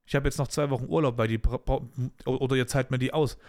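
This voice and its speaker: Speaking fast in a mid-range voice, this man hosts a podcast and recounts a workplace dispute from his own job. His retelling is blunt and animated, casual and colloquial, with asides along the way.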